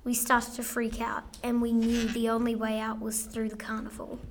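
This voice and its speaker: A woman's voice: a little high, completely flat delivery, moderate pace, slight background noise, natural voice. A woman playing a young witness who snaps back while retelling a spooky event. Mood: defensive.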